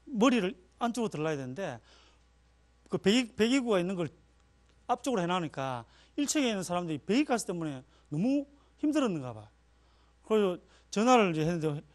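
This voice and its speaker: A man's voice: high-pitched, a little mellow. A male pastor giving a chatty sermon, telling personal stories and laughing at himself. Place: church.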